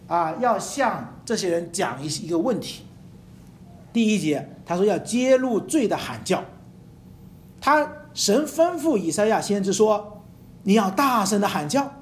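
Animated preacher with a lively, swinging pitch. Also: slight background noise. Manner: emphatic, asks the listeners rhetorical questions; drops English terms into the talk. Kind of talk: sermon.

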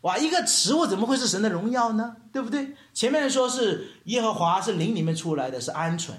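Man, pastor, sermon, animated, rhetorical questions, mimics murmuring sounds, echoey room. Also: high-pitched, fairly quick.

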